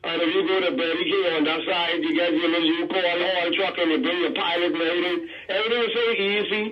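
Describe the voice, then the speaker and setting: A Bahamian man calling in to a radio show, with a high voice that sounds dull and distant over the phone line. He rambles in an animated way and often leaves sentences unfinished. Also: quick pace. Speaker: caller. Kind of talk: phone-in chat.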